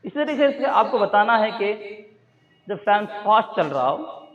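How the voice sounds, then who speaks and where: Guy teaching a class, high voice, asks then repeats each answer, room full of students. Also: big pitch swings, crowd noise. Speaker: Arabic teacher. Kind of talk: classroom language drill. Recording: dull lo-fi classroom recording.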